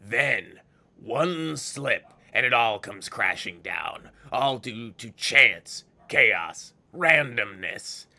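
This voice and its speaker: A man voicing a bitter, scornful old exiled fiend for a game, with a gravelly, ghoulish voice and theatrical, villainous delivery that savors its words. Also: mid-range voice, animated, drawn-out words, sharp tone, heavily acted. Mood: anguished, indignant. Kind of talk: dramatic video game character read-aloud.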